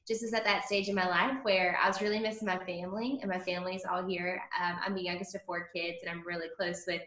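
A young woman with a bright, forward voice in a roomy, echoing space. She is an enthusiastic, chatty guest in a casual podcast conversation. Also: lowish voice, little pitch movement, fast talker. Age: young adult. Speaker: podcast guest, ministry leader. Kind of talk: casual chat. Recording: roomy echo on voice.

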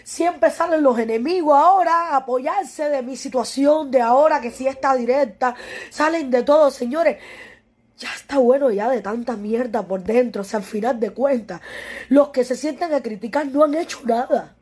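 A young woman with a Cuban accent speaks at normal speed in a high, husky voice with a darkish tone. In this emotional direct-to-camera monologue, the musician pleads with a critic, weary and tearful, cursing and repeating herself passionately.

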